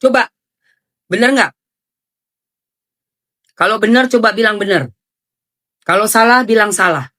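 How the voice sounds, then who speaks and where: A woman's voice: medium pitch, a little slow, long pauses. A woman hosting a casual livestream, talking animatedly, scolding her chat and thanking viewers. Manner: animated, scolding, switching into Javanese phrases. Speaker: livestream host.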